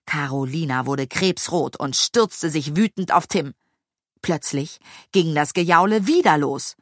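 Woman narrator, children's storybook, slow and expressive, dry close sound. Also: sits low, dry recording. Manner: expressive, acting out characters.

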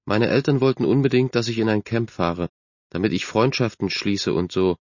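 A man's voice: fairly low pitch, fairly even intonation, normal speed, a little mellow, no room sound, muffled recording, natural voice. A man voicing a shy, insecure girl who speaks timidly and hesitantly. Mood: sad. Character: shy, self-conscious chubby girl.

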